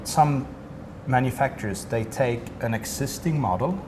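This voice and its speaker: A Swedish man with a Swedish accent speaks in a mid-range voice at a moderate pace. He represents a company and explains a product in detail during an interview, with noisy room ambience in the background.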